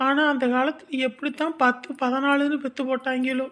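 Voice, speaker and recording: A woman acts out a worn-out young mother muttering to herself in a village drama. Her voice is slightly high, and she grumbles and sighs through her complaints. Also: little pitch movement, brisk, a bit bright. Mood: weary. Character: weary young mother with back pain. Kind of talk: village family drama monologue.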